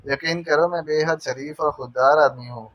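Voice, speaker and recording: In an audio novel, a man voices a male spy who mocks his captive with silly, teasing wordplay. His voice is fairly high and a bit bright at a moderate pace, and the narration recording is dry and dull.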